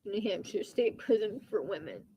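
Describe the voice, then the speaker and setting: A woman on the witness stand under courtroom examination, giving brief, plain, halting answers to questions. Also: medium pitch, animated, warm tone, breathy edge, rough recording. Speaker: witness testifying.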